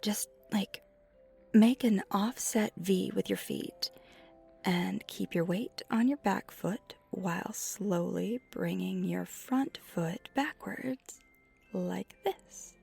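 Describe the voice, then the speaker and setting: In an ASMR roleplay where only her side is heard, a woman voices a flirty, friendly female vampire teaching ice skating, using an exaggerated medium-pitched voice. She is soft and wistful, unhurried and gently reassuring, often dropping to a breathy near-whisper. Music plays in the background.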